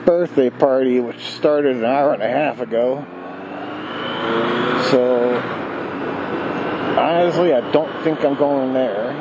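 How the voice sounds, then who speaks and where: A man rambles casually from inside a motorcycle helmet, with very loud ride noise all around him. His voice sits at a medium pitch. He talks loosely to his viewers, often rewording himself as he goes. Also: slow, long pauses, lo-fi sound. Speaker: motorcycle vlogger. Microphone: wired mic in helmet to voice recorder.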